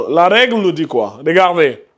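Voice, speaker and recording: Guy with a high voice teaching tajwid to his class, keeps asking questions. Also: gravelly, husky. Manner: quizzes students, repeats key terms. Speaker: Quran recitation teacher. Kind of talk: live classroom tajwid lesson.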